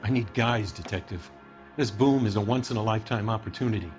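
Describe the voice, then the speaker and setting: An actor as a defensive, evasive company boss, slightly muffled. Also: male voice, fairly low pitch, brisk, soft background music, lightly acted. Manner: evasive, hedging. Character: defensive, evasive male 1940s business boss. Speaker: heater company manager. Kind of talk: video game voice acting.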